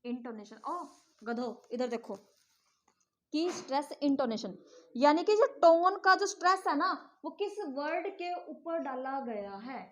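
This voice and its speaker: A woman's voice: sits high, lively intonation, a little slow, fairly bright tone. A woman teaching a class, lecturing and teasing and scolding her students as she explains.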